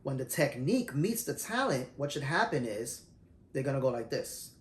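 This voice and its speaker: A middle-aged man telling his singing story in a loose, animated, conversational way, teaching as he goes. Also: mid-range voice, moderate pace. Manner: animated, self-described shy introvert, loose and conversational. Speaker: vlogger sharing singing tips. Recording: roomy echo.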